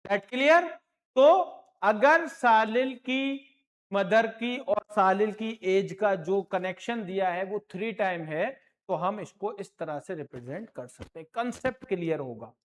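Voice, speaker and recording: Slow, encouraging male maths teacher. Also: sits high. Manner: encouraging, repeats points, calls students "my children"; mixes English terms into Hindi explanations. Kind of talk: online classroom lesson.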